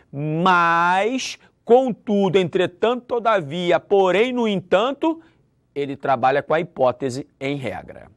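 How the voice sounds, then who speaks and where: A man with a Brazilian Portuguese accent teaching a video grammar lesson, lively and acting out example sentences. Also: sits high, no echo, clean studio sound. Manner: lively, acts out example sentences with shifting intonation.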